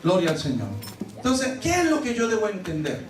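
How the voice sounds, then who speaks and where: A man pastor preaching a sermon in a church, animated and theatrical, acting out scenes with loud cries. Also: high voice, a little fast, noisy background. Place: church service. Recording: echoey church from a distant mic, music behind.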